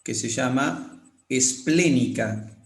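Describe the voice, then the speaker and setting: A man lecturing on anatomy, explaining slowly, repeating key terms and often checking that students follow. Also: mid-range voice. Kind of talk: classroom lecture with drawing demonstrations. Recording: echoey room.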